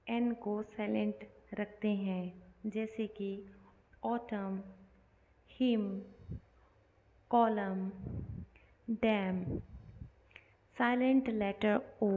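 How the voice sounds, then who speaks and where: Woman teacher, very slow word-by-word delivery, tinny echoey phone-quality recording. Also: mid-range voice. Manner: reads words one by one with long pauses. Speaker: English teacher. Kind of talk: slow word-list lesson.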